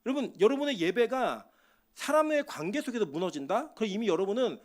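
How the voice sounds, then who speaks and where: A middle-aged male pastor preaching a sermon from the pulpit of a church, switching between loud exhortation and quiet asides. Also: high voice, big pitch swings, fairly quick.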